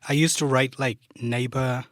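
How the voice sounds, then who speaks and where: The speaker is a young man from Uganda who speaks Luganda, a software developer guesting on a podcast. His mid-range voice goes at a normal speed, relaxed and casual, with lots of "like" and "you know," in a dry, studio-quality recording.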